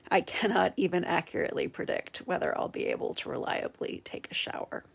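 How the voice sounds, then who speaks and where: A woman's voice: lowish voice, gravelly. A woman in her thirties, an Episcopal priest, giving a candid, earnest personal reflection. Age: 30s.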